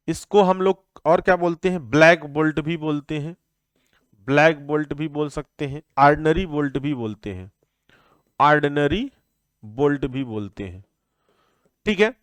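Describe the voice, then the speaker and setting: High, clear-voiced male engineering teacher. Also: fairly bright tone, dry recording, studio quality. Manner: repeats key terms, asks and answers his own questions. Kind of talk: classroom lecture.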